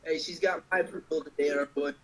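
A man's voice: a little high, fairly even intonation, quick pace, a bit bright, soft background music. A young man around nineteen, talking in a cocky, casual way on a video chat from a dorm room. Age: young adult.

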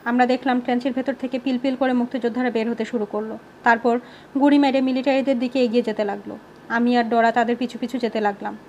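A woman's voice: fairly high pitch, level tone, fast talker, a little mellow, slight background noise. Woman reading a war story aloud. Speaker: audiobook reader. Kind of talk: storybook narration with voiced dialogue.

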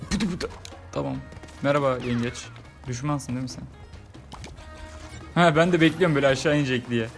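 A man's voice: mid-range voice, fairly even intonation, a little fast, faint music behind. A man commentating casually over his own gameplay, joking and grumbling as he repeats his complaints. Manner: frustrated, repeats himself, jokey complaints. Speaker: gaming YouTuber. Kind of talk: casual let's-play commentary.

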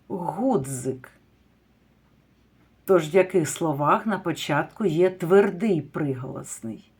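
A woman teaching a kindergarten class, reading words out one by one and praising the children gently. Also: low-pitched, breathy edge. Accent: Ukrainian. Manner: drawn-out word-by-word dictation with gentle praise. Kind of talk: slow, deliberate lesson for young children.

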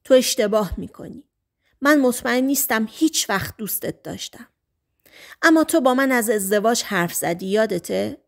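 A woman's voice: fairly high pitch, expressive, gravelly. A woman reading an audiobook, voicing a defiant young woman who talks back sharply and raises her voice. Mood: accusing.

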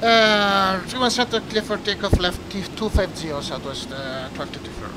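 A man's voice: high-pitched, normal speed, over music, poor audio. A male airline pilot speaking over a cockpit headset radio, making clipped, terse calls to the tower and callouts to the crew. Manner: clipped, terse aviation phrasing. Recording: loud engine noise in the cockpit.

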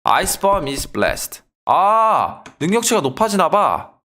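A young man giving excitable let's-play commentary, yelling at enemies and joking with viewers. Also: high-pitched, very slow. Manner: excitable, yells and trash-talks the game. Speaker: gaming YouTuber.

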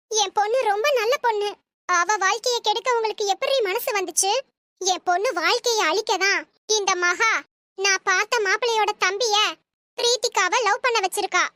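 Harsh cartoon mother-in-law done by a woman, scolds nonstop, high and piercing. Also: no echo. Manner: scolding, shouting accusations. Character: angry middle-aged mother-in-law, harsh.

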